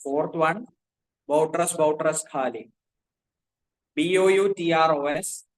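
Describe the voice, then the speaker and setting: Indian English male tutor, slightly high voice, dictates and spells each word for students to copy. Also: slow pace, poor audio. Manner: spells words out letter by letter, repeats himself. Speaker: teacher. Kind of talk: classroom lecture dictating notes.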